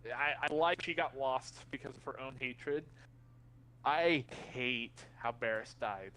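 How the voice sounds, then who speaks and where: A man co-hosting a podcast in a casual chat, excitable and restarting his sentences as he goes. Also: medium pitch. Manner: quick, excitable, stumbling restarts. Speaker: podcast co-host.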